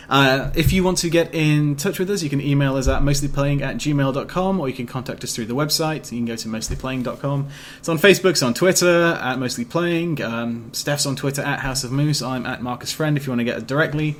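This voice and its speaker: A man's voice: medium pitch, moderate pace. A man co-hosting a podcast, chatting casually and rambling with many fillers and restarts, a little sleepy. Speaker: podcast co-host. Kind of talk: casual chat. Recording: faint background noise.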